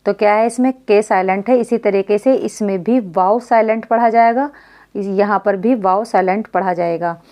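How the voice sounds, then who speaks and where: A woman's voice: medium pitch, moderate pace, mellow. A woman teaching a beginner Urdu reading lesson, spelling out letters and vowel marks and asking questions that she answers herself.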